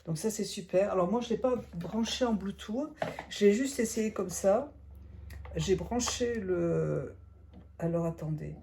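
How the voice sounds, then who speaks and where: A middle-aged woman who is sick and hoarse, chatting hesitantly through a casual product review vlog, filmed on her phone at home. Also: mid-range voice, measured pace, mellow, slight background noise. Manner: chatty and hesitant, often restarting phrases. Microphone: phone camera.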